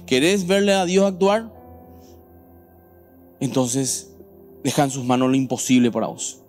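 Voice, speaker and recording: A man with a Paraguayan Spanish accent preaching a sermon as pastor at a church service, animated and questioning the congregation directly. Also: mid-range voice, measured pace, faint music behind.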